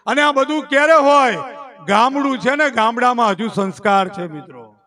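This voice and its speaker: A man tells folk jokes live to a village audience under a canopy, speaking into a handheld stage microphone. His voice sits very high and rings bright and forceful. He slows right down on each punchline and acts out the villagers he quotes. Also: lively intonation. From Gujarat, India. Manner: drawn-out emphatic punchlines, acting out quoted villagers. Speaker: folk storyteller and emcee. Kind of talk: live folk storytelling at a devotional gathering.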